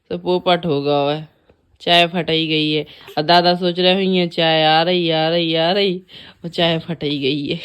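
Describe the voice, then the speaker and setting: A woman's voice: on the low side, clear, resonant tone. A young woman with a Bundeli accent filming a casual family vlog at her village home, chatty and teasing as she talks to and about her children. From Bundelkhand, India. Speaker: vlogger and mother.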